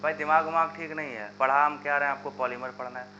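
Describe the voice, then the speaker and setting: A man's voice: on the high side, fairly even intonation, fast talker, sharp tone. A man teaching a live online chemistry lesson, into his talk and urging students to answer in the comments. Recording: dull lo-fi sound with faint hum.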